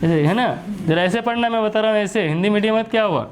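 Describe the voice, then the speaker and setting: A maths teacher with an Indian accent and a high voice. He keeps asking the class questions and answers them himself. He repeats each step and switches between Hindi and English terms. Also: fast talker. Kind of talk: classroom lesson.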